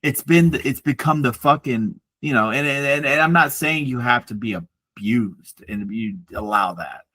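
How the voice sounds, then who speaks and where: Speaking at normal speed with a medium pitch and no echo, a podcast co-host in his forties rants and tells stories. The casual conversation is animated and packed with swearing.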